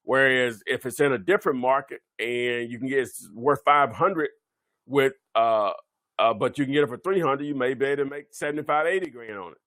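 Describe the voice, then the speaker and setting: A man's voice: mid-range voice, a little fast, a bit bright, no room sound. Man, webinar presenter, medium voice, dry close mic, rambling off-the-cuff delivery. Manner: rambling, many fillers and self-corrections. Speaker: real estate webinar presenter. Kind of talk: unscripted instructional webinar talk.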